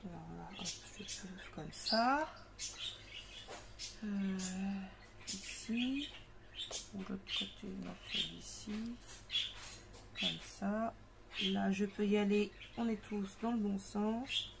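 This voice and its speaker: A woman's voice: medium pitch, slow pace, vocal fry, pauses often. A woman casually demonstrating a craft at home, thinking aloud with lots of fillers. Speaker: craft tutorial host. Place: home craft table with parakeets and kids nearby. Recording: noticeable home background noise with bird chirps.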